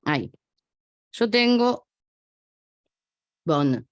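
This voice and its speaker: A woman's voice: mid-range voice, extremely slow, no echo, studio quality. A woman with an Argentine accent teaching French phonetics in a chatty online lesson, drifting away from the mic as she writes at a small desk. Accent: Argentine Spanish. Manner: chatty, lively explaining, drifts away from the mic while writing. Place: small home study desk.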